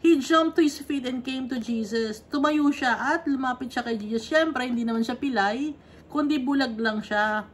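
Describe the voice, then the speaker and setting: A woman's voice: high voice, moderate pace, a little hiss or hum. A woman leading a conversational Bible study, reading verses and explaining them, often checking in with her listeners. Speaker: Bible teacher.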